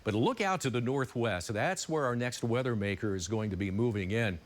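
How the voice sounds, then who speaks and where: A man's voice: medium pitch, moderate pace. A man presenting news and weather in a conversational broadcast style.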